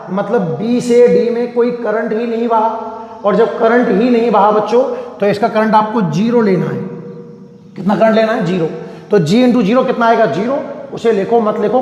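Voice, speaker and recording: High-voiced man teaching physics, echoey room. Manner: questions students and answers himself, repetitive. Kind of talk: classroom lecture at a board. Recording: echoey room with long reverb.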